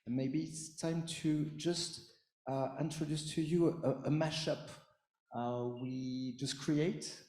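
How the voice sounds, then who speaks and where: A man's voice: on the high side, steady tone, darkish tone. A man presenting a podcast workshop at a conference, talking loosely with many fillers. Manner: loose, halting delivery with fillers. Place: conference hall. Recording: roomy hall sound.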